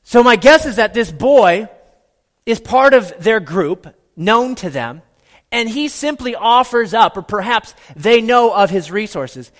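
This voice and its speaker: A man with a high voice preaches as a pastor. His sermon is conversational and emphatic, ringing with the reverb of a large hall. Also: fairly bright tone. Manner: conversational, emphatic, rhetorical questions. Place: large room with a congregation.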